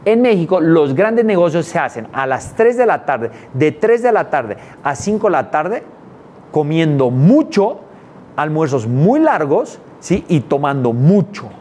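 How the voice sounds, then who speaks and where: A man teaching a course, talking emphatically, repeating words for stress and checking in with quick tag questions. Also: a little high, sing-song, a little mellow, a little hiss or hum. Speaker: business culture instructor. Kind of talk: explanatory talk to students.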